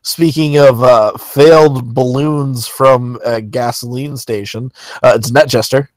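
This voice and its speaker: A man's voice: medium pitch, steady tone, measured pace, dry recording, poor audio. A man hosting a wrestling news podcast, reading news and teasing his co-hosts in joking banter. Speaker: podcast host. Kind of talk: casual podcast chat.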